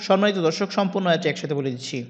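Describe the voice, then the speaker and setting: Male recitation teacher, higher-pitched, patient and methodical, slow drawn-out verses, reverberant sound. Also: highs cut off. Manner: patient, spells out each syllable. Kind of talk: spelling-out recitation lesson. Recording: long reverb.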